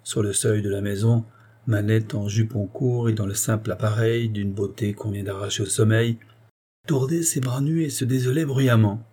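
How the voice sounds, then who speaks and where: A man reading a classic story aloud as an audiobook narrator, in a measured storytelling manner. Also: lowish voice, fairly even intonation, dark tone, husky. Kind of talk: scripted narration.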